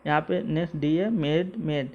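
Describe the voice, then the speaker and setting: A man's voice: fairly high pitch, normal speed, darkish tone. A male school English teacher explaining a textbook lesson word by word, methodical and repetitive. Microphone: mobile phone. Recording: dull lo-fi phone recording.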